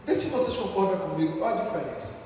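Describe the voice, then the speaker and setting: A man's voice: sits high, expressive, quick pace, a loud crowd. A man with a Brazilian Portuguese accent preaching a fervent sermon in a church and leading the congregation in call-and-response. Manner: fervent, leads call-and-response, bursts into shouts. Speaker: pastor. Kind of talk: lively sermon. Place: church hall. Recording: echoey hall, voice from far off.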